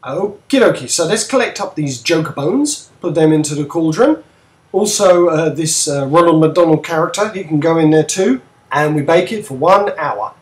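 A man voicing Wormtail, a cheerful male rat-man hosting a cooking show in an amateur brick-film cartoon, with chatty, lively cooking-show patter. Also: a little high, normal speed, close to an everyday voice. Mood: chirpy. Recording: echoey room.

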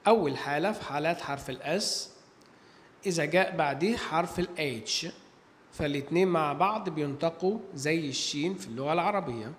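A man's voice: fairly high pitch, long reverb tail, slight background noise. A man with an Egyptian Arabic accent teaching an English pronunciation lesson, stretching out each example word and then repeating the list. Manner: drawn-out, careful pronunciation of example words, repeated twice. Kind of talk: language lesson.

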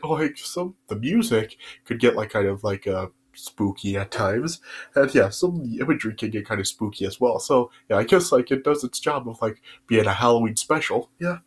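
Recorded through a webcam at his desk in a small bedroom, a YouTube reviewer with a cold talks casually, rambling with fillers and restarts. His stuffy-nosed voice is mid-range with a breathy edge.

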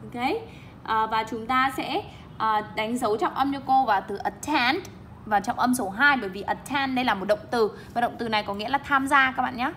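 A woman's voice: fairly high pitch, normal speed, fairly bright tone, a little hiss or hum. A young woman teaching English, explaining word stress in a bilingual classroom style and modeling words with emphatic stress.

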